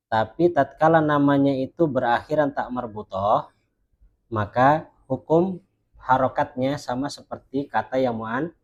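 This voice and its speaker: A man teaching Arabic grammar in an online class, who explains patiently and says example phrases slowly and carefully. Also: mid-range voice, a little mellow, dull audio.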